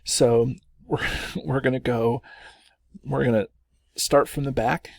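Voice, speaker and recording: A man's voice: medium pitch, steady tone, takes it slowly, gravelly, no echo, clean studio sound. A man teaching chemistry through worked examples, chatty and self-correcting, chuckling at the long names.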